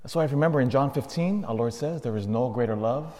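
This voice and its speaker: Priest, male, mid-pitched, preaching earnestly with cathedral echo trailing every line. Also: fast talker, darkish tone. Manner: earnest preaching with emphatic repetition. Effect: long cathedral-like church echo. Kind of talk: gospel reading and homily. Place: large church. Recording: long echo of a large church.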